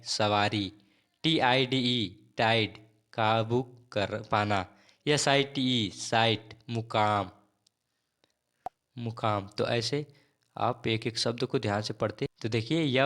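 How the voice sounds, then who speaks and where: A man's voice: medium pitch, fairly bright tone, clean tone. Hindi-speaking man drilling English spellings. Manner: spells words letter by letter, repeats each word as a drill. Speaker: English teacher. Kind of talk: spelling and pronunciation lesson.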